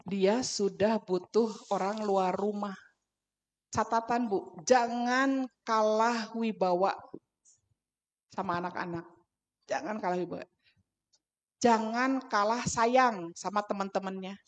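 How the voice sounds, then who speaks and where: A woman's voice: medium pitch, slow, pauses often. A woman with a Sundanese accent giving a parenting talk at a mosque, telling stories and acting out mother and child voices. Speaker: parenting speaker.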